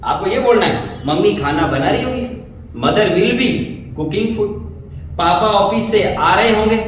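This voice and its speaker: A man with a high voice teaches a class, encouraging his students and repeating drill phrases. His English comes out slow and careful. He sounds far from the mic in a very echoey room with a faint hiss behind him. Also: expressive. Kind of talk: classroom teaching, mixing two languages.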